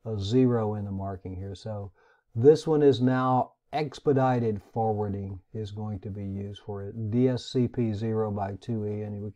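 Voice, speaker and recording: A man teaching a recorded networking lecture, talking in a halting way with many restarts and fillers. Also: on the low side, mellow, highs cut off. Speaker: instructor.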